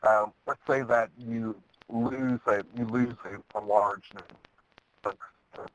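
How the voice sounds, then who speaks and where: A man speaking on a video call, halting and full of fillers, while his call audio keeps breaking up from a weak signal. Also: mid-range voice, fairly even intonation, no room sound, poor audio. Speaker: webinar presenter. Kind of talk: casual talk on a video call.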